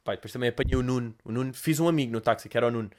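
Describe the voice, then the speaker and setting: A young man with a European Portuguese accent, a podcast host telling comic stories in a profane, animated, conversational way. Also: mid-range voice, racing. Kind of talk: comedic storytelling.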